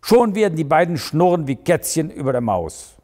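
A man's voice: on the high side, big pitch swings, normal speed, a little mellow, in a large hall, voice pushed up. A man voicing a stern, pushy male district administrator who gives orders and lectures. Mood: commanding. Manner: commanding, lecturing.

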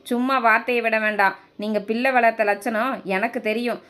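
A woman's voice: fairly high pitch, steady tone, moderate pace, natural voice. Woman reading as a fiercely protective mother snapping back at her mother-in-law. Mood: scolding. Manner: sharp, scolding retorts. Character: protective young mother, sharp-tongued in a quarrel.

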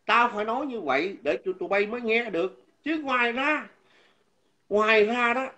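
High, sharp-voiced man ranting coarsely. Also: animated, normal speed. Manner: coarse, insulting, repetitive, stumbles over words. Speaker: vlogger. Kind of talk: angry ranting monologue. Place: living abroad.

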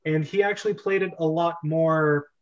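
Hosting a script reading club on a video call from his bedroom, a young man reads stage directions and chats in an easy way. His voice is on the high side with fairly even intonation and a moderate pace, captured by dull lo-fi webcam audio.

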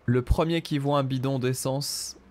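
A man's voice: medium pitch, steady tone, normal speed. A man giving casual, joking gameplay commentary, exclaiming often and addressing his viewers. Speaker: gamer presenting gameplay.

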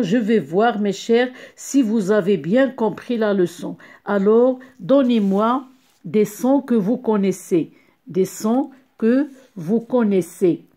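A woman teacher who talks very slowly and carefully, dwelling on every sound. Her voice is soft and mellow, and she keeps encouraging her young pupils as she goes. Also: mid-range voice. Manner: slow and deliberate, repeats each sound and syllable; encouraging, addresses pupils as "my dear ones". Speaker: primary school teacher. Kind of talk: slow classroom phonics lesson.

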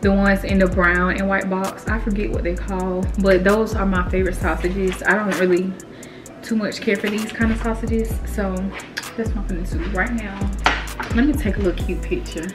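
A young woman with a relaxed drawl talks loosely and informally as she cooks at home, speaking straight to her viewers. Her voice sits at an ordinary middle pitch. Clear background music plays under her words. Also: moderate pace. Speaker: vlogger. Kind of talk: casual cooking vlog. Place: home kitchen, indoors. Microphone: camera mic, filmed by a helper.

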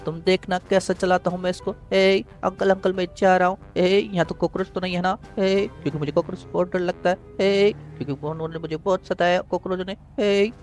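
Man putting on a nervous, whiny cartoon boy, raised pitch. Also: little pitch movement, fairly quick, hardly any pauses, faint music behind, close to an everyday voice. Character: timid young male cartoon character scared of bugs.

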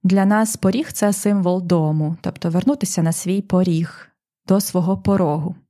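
A young adult woman hosting a podcast language lesson, explaining a poem slowly and carefully, with pauses. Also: lowish voice, steady tone, warm tone. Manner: slow, careful, with pauses and fillers. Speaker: language teacher and podcast host.

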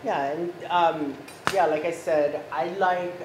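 A man in his thirties, born in Ecuador, explaining a recipe as a chef in a relaxed, explanatory way with many fillers, recorded by a far camera in a home kitchen. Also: on the high side, takes it slowly. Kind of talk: cooking demonstration chat. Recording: echoey kitchen with background noise.

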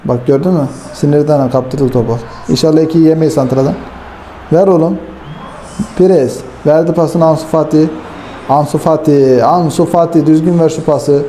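A man giving casual, excitable commentary over a football video game, talking straight to his viewers and swinging from hype to frustrated grumbling. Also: on the high side, moderate pace, a little hiss or hum. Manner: talks straight to viewers as friends. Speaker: gaming YouTuber.

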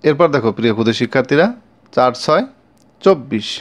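A man's voice: medium pitch, expressive, highs cut off. Bengali-accented male math teacher, patient times-table recitation for young kids, each line said twice. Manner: slow, repeats each multiplication line twice; addresses pupils directly with questions.

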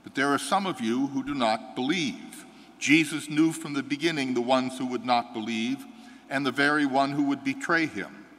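An older American priest speaks at a mid pitch, reading scripture and preaching in a measured, earnest way. His words carry firm conviction. The sound has a long reverb from the church sanctuary. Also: a bit bright. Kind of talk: reading the gospel and preaching a homily. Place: large church sanctuary, seated before an altar. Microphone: fixed microphone at the altar.

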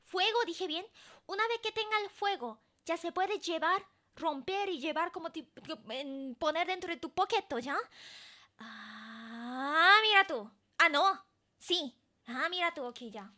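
Very high bright female streamer. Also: normal speed. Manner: excitable and chatty, laughs often. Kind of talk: casual live-stream chat while gaming.

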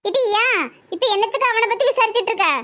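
A sharp-tongued old village granny in a cartoon comedy, voiced by a performer, with a thick Tirunelveli Tamil accent and a piercing, squeaky-high voice. she talks in a matter-of-fact way and scolds without softening anything. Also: fast talker. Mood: blunt. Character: elderly village grandmother, blunt and scolding.

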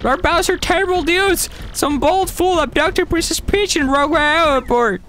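A man's voice: very high-pitched, measured pace, sharp tone, slight background noise, pitched above the performer's own voice, exaggerated voice. A man voicing a fussy, fawning old female Koopa witch who serves a monster king. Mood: fretful. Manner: fawning, overly polite. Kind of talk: voicing game dialogue.

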